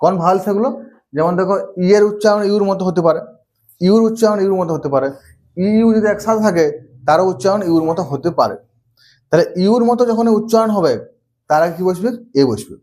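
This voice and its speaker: Grammar teacher, male, high voice, drills rules with questions he answers himself. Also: mellow. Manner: asks the class questions and answers them himself, repeats key rules. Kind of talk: classroom-style lesson.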